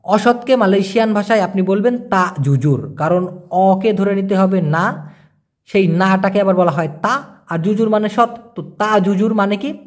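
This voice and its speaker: High-voiced man teaching words patiently. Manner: explains patiently, repeats words slowly, asks "clear?". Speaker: language teacher. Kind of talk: casual spoken language lesson.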